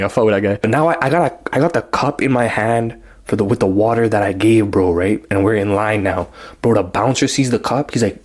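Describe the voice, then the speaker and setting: A young man telling a casual storytime, rambling in heavy slang and acting out what people said. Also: mid-range voice. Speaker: vlogger.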